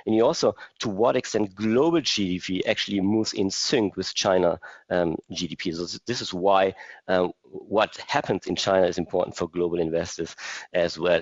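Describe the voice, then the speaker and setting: A man giving a live market briefing as an investment strategist, with a halting delivery full of pauses. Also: low voice, no echo. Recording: dull lo-fi webcast audio.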